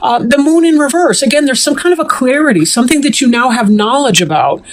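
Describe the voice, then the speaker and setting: A woman giving a casual tarot reading to camera, chatty and meandering, clearing her throat often and a bit short of breath. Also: high-pitched, animated, quick pace. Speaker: tarot reader.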